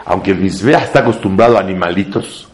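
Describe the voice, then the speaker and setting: Man w teaching torah to a room, kinda low voice, jumps way up when he's making a point, drops hebrew words in. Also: fast. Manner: emphatic, sweeps up in pitch to stress points, mixes in Hebrew terms. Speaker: rabbi teaching a class. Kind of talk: Torah class before a live audience.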